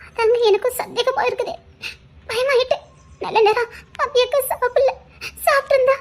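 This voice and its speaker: A woman's voice: extremely high pitch, fairly even intonation, moderate pace, a little mellow. A woman acting a frightened young wife who pleads tearfully with her husband in a family drama. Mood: scared, tearful.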